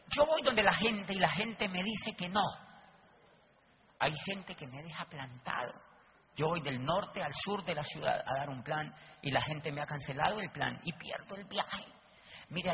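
A man's voice: a little high, pitched below the performer's own voice. A man voicing a discouraged young male recruit who plaintively lists his grievances. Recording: dull lo-fi recording with faint noise.

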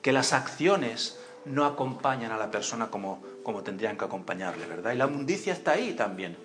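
A pastor preaching a sermon in church, telling stories with acted-out voices and questions to the congregation. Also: male voice, medium pitch, a little fast, background noise. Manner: animated storytelling, acts out voices and cries, asks the congregation questions.

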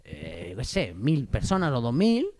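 Casting: co-host man, lively storyteller voice. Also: medium pitch, unhurried. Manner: animated storyteller, acts out quotes. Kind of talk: casual radio chat.

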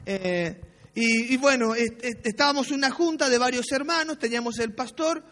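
A man's voice: extremely high pitch, moderate pace, fairly bright tone. A male pastor, telling a personal story in a sermon. He is anecdotal and self-mocking, and keeps checking in with tag questions. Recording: long reverb of a church hall.

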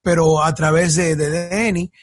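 A man's voice: a little high, fairly even intonation, normal speed, husky, no echo, clean studio sound. A man from Ecuador, a guest musician, talking in a casual podcast interview with many fillers and restarts.

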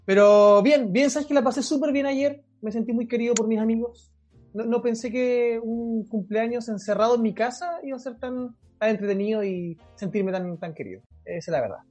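A man's voice: very high-pitched, normal speed, a little mellow, faint music behind. A Chilean man co-hosting a podcast, telling stories in a laughing, joking casual chat. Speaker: podcast co-host.

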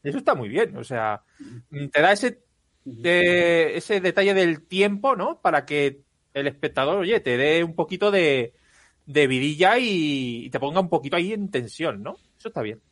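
A man's voice: fairly high pitch, expressive, normal speed, a bit bright, no echo, studio quality. A man discussing films casually as a podcast panelist, often tagging on questions and acting out paraphrases.

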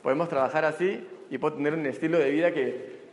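A man with a Peruvian accent giving a lively, joking live seminar talk as a motivational speaker to an audience. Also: a little high, quick pace. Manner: energetic and joking. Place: large hall before an audience. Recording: echoey hall with faint room noise.

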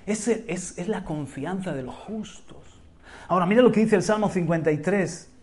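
Impassioned high-voiced Spanish pastor. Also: male voice, normal speed, over a noisy crowd, very noisy. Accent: Spain Spanish. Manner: impassioned, rising to exclamations. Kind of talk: sermon.

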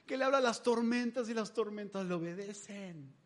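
A preacher acting out terrified male disciples crying for help in a storm, their voices pitched up far above his own, loud and frantic, pleading in a high-strung rush. A comic sermon retelling. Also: moderate pace. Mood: awed. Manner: frantic shouting pleas.

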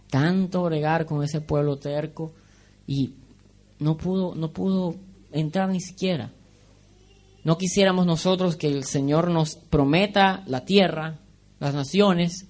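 A man's voice: on the high side, a little mellow. A man preaching a sermon in a conversational way, asking the congregation questions and making joking asides.

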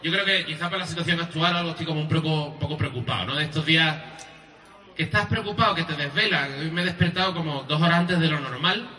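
Andalusian guy doing standup, sharp bright voice, echoey room, crowd faintly behind. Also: fairly high pitch, fast, far from the mic. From Andalusia, Spain. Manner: rambling, crude, self-mocking storytelling. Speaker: stand-up comedian. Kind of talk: stand-up comedy routine. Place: live comedy venue. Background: audience laughter and applause.

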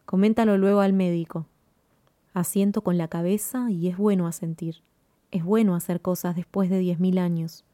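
A woman narrates a first-person story in a calm, measured, lyrical reading. Her voice has a mellow, warm tone at a middle pitch. The recording is dry and close with no room sound. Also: no echo.

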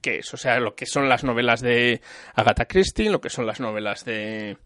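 A man talks casually, trailing off and restarting sentences as he recounts a film. His voice sits at a middle pitch. The recording is dry and close. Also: normal speed, fairly bright tone, no room sound. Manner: rambling, full of restarts and repeated words. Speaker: film reviewer in conversation. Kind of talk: casual chat.

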